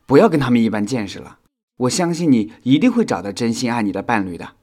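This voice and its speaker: A man voicing a sensible, caring young male insect in a children's audio storybook, chiding in a kind, steady way. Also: mid-range voice, a little fast.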